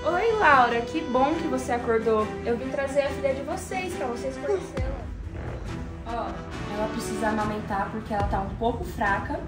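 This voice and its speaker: A woman's voice: on the high side, expressive, normal speed, close to an everyday voice. A woman with a Brazilian Portuguese accent playing a kind, reassuring doctor. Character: kind female hospital doctor. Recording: distant echoey room with loud music.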